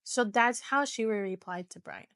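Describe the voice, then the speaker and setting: A woman's voice: on the high side, moderate pace, fairly bright tone, no room sound, clean studio sound. A woman hosting a podcast, casually retelling a true-crime story in a loose, chatty way, with many "so" and "you know" fillers. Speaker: podcast host.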